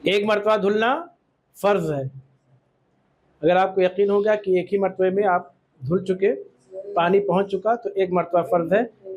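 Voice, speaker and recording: A man with a high, darkish voice teaches Islamic law in a classroom lesson, quizzing his students, often checking that they agree, and mixing in English words.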